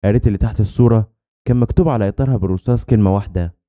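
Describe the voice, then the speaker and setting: Man, Egyptian accent, horror story narration, rapid delivery, low voice. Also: warm tone.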